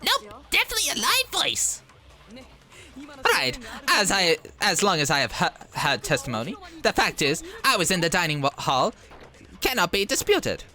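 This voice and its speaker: Man doing a stammering defensive young chef, lively bright voice, faint game music behind. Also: high voice, moderate pace, heavily acted. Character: boastful young male chef under suspicion.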